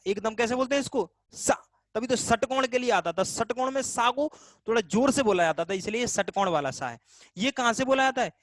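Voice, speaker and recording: A man's voice: high-pitched, a bit bright, no room sound. A male teacher gives a casual online grammar class, asking the class questions and answering them himself, repeating key terms to drill them. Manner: casual and chatty.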